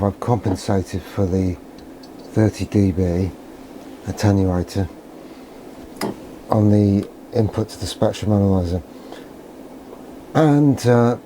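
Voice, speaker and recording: An electronics hobbyist gives a casual hands-on demonstration, musing aloud in an understated way and often asking himself questions. His voice is on the low side and warm, and the recording is rough with slight background noise.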